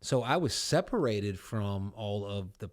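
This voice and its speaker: A veteran podcast host in his forties chats casually, telling rambling, profane Army stories and acting out the quotes. His voice is on the low side and expressive, and he keeps a measured pace.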